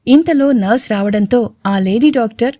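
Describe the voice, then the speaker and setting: A woman reading a romantic audio story as narrator, in expressive storybook style. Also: a little high, moderate pace, dry recording, clean studio sound.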